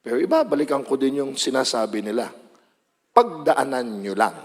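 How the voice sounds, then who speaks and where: A man with a Filipino accent preaching a sermon, dramatic, moving between loud outbursts and hushed lines. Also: medium pitch, very animated, moderate pace, big-room sound.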